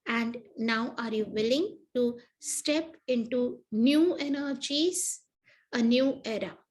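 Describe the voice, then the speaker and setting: Woman, facilitator, guided clearing session, repetitive soft murmured phrases. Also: on the high side, slow, low-quality recording.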